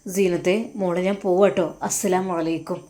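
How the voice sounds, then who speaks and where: A woman's voice: flat delivery, normal speed, dark tone, close to an everyday voice. A woman doing a sad young cleric husband. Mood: subdued. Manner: low, subdued pleading.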